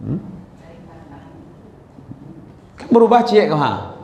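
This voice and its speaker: A man's voice: high-pitched, very animated, slow, vocal fry, a little mellow, dull audio. A man giving an informal Quran lesson, talking conversationally, checking in with listeners and chanting short verses as examples. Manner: conversational, asks the audience "ya kan?" often. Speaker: Quran study teacher. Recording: roomy hall echo.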